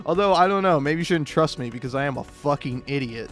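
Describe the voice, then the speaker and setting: Over faint music, a video game streamer who is high on drugs talks a little fast in an animated voice on the high side. His casual commentary meanders, full of swearing, self-mockery and frequent chuckles.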